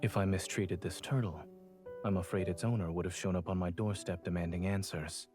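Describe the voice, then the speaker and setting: An actor playing a calm, composed young male doctor in a game, speaking in a measured way with dry teasing. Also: sits low, natural voice. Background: game music.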